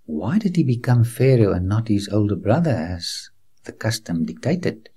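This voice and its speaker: A man's voice: on the low side, very animated, normal speed, mellow, husky. A man presenting a documentary in scripted narration, breaking off to preach and speaking straight to the viewer as a friend, earnest and reassuring. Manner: guides the viewer like a tour guide on location.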